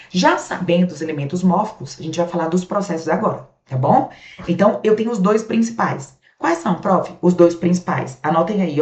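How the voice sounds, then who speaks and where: Low-voiced Brazilian woman teaching grammar. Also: darkish tone. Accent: Brazilian Portuguese. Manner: asks and answers her own questions, casual check-ins. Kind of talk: grammar lecture. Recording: roomy, dull lo-fi sound.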